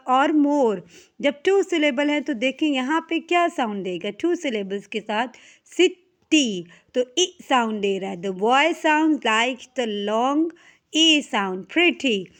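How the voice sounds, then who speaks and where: Slow-paced Pakistani woman teaching phonics. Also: high-pitched, animated. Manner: mixes English reading with Urdu-Hindi explanation, asks checking questions. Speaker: English teacher. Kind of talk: classroom lesson explaining phonics.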